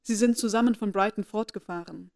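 A woman doing a shaken young lady from a storybook, urgent and faltering, near tears. Her voice rises in pitch and loudness as worry breaks through. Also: fairly quick, creaky, lightly acted. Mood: despairing. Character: distressed young lady, anxious for her sister.

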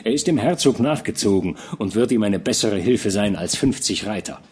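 A proud old noble knight, as a man reads him aloud, dignified and earnest. He speaks with formal weight and lively intonation. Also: on the low side, normal speed, husky. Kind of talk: audiobook character reading.

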